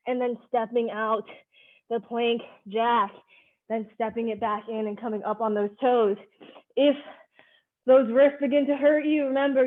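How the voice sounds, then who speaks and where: Casting: female online HIIT coach with a higher-than-average voice, instructing in brief directive cues and counts, heard through narrow, phone-quality audio. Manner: directive, short clipped cues. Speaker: fitness instructor leading a live online HIIT class. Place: live online video class.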